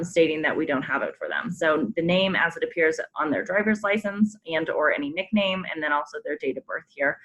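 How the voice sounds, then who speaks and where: Heard in a rough recording, a woman with a low-pitched, slightly bright voice leads a sports program staff's coach conference call. She takes coaches through forms on screen, friendly throughout, with many ums and polite reminders.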